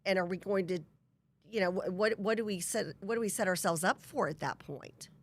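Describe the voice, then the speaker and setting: A woman's voice: medium pitch, a little fast. A woman hosting a talk radio interview, emphatic and stumbling over her words. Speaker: radio talk show host.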